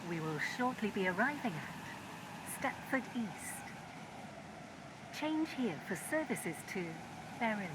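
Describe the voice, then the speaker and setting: A woman's voice: mid-range voice, big pitch swings, takes it slowly, pauses often. A woman giving recorded onboard train announcements in a polite, lilting delivery. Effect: onboard train announcement over the speakers. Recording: clear background noise.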